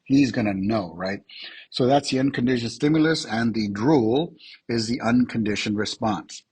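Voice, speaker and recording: A male teacher giving a casual lecture to his students, his voice husky as he is losing it, often asking "right?" to check that they follow. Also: medium pitch, normal speed, darkish tone, no echo, low-quality recording. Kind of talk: classroom lecture.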